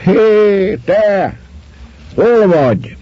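A man voicing a frantic, naked middle-aged man who yells for help from a stream, in a panicky, high-strung shout. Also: expressive, no room sound, highs cut off. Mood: alarmed shouting. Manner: panicky yelling.

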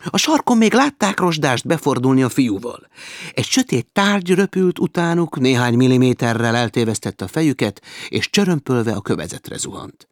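A man reading a humorous adventure novel aloud with lively, varied emphasis. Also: medium pitch, dry recording, studio quality. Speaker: audiobook narrator.

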